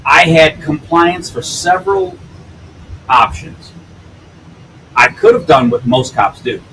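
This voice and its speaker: A man in his fifties, a police use-of-force instructor, tells stories during an interview in a blunt, earthy way, often ending lines with "right?". His voice is a little high and bright with lively intonation, slow and forceful, on poor audio with slight background noise.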